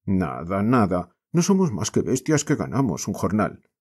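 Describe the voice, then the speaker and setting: A restless, despairing mining boy, played by a male audiobook reader with a Spain accent, bursting out in frustration. The voice stays low and husky. Its pitch swings widely as he pleads. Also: sing-song, moderate pace, darkish tone. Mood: desperate, pleading. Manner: impassioned, frustrated outbursts. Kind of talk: audiobook character reading.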